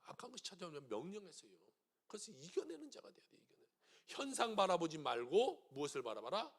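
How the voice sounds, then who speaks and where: A middle-aged man preaching a sermon as pastor of a church, dramatic, swinging from loud shouted commands to hushed asides. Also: sits high, very animated, quick pace. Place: church sanctuary.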